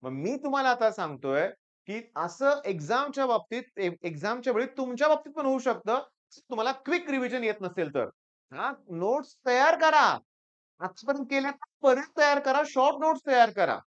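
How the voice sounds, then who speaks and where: With a very high voice and big pitch swings at normal speed, a middle-aged tutor urges students emphatically while preparing them for exams and telling class anecdotes. The audio is dull.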